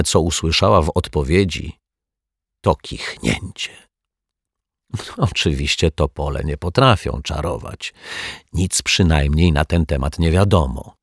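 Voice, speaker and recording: A man reading a children's story aloud with slow, expressive storybook delivery. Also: rumbling low, vocal fry, husky, dry recording, studio quality.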